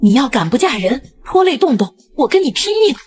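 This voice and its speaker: A woman's voice: sing-song, a little fast. A woman voicing a mean, scolding grandmother in her sixties who favors her grandson. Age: 60s. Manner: shrill and scolding.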